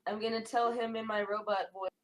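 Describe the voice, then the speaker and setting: A woman's voice: medium pitch, fairly even intonation, fairly quick. Playful woman with faint hiss. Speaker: player. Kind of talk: casual tabletop play.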